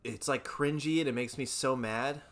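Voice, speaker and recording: A man's voice: mid-range voice, moderate pace, fairly bright tone. Man ranting, profane and heated. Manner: repeats words when restarting sentences. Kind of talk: casual chat.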